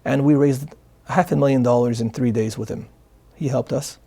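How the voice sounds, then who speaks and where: A man's voice: medium pitch, fairly even intonation, moderate pace, creaky, warm tone. A man from Morocco, a guest answering interview questions in an earnest way, often repeating words as he starts sentences. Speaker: guest, charity founder. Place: studio.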